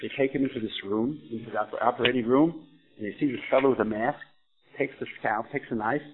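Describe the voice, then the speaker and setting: A man's voice: medium pitch, fast talker. A man speaking earnestly about faith in a discussion. He explains his points through stories and questions. The sound is thin and phone-like, with a faint hiss behind. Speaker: religious speaker. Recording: tinny phone-like line with faint noise.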